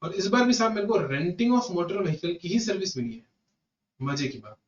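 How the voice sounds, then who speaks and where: An Indian GST lecturer gives a classroom lecture in a slightly high voice, animated and repeating each point as he addresses students directly as "beta" and "sahab." The recording is echoey and roomy, with a distant, somewhat muffled mic and slight background noise.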